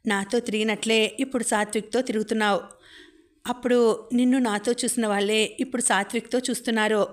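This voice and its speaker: A woman's voice: a little high, fairly even intonation, fairly quick, natural voice. A jealous, menacing young man, read by a woman. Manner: sneering, threatening.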